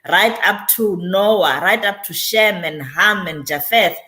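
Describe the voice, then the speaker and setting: A woman's voice: mid-range voice, slow, pushed and bright. A woman guest, a community developer and author, talking reflectively in an interview and driving points home by repeating phrases. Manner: emphatic, repeats phrases for weight.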